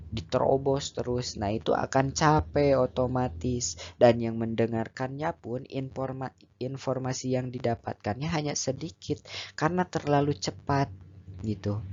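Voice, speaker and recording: A man giving a calm, conversational lesson on public speaking, explaining step by step with casual fillers. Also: medium pitch. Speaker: teacher. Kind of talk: educational lecture on public speaking. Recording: dull lo-fi recording.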